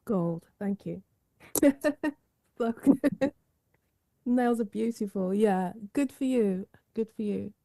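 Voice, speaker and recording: A woman's voice: mid-range voice, slow pace, creaky, pauses often, mellow, no echo. Musing woman podcast host, dry sound. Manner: musing, many fillers and restarts. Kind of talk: podcast interview.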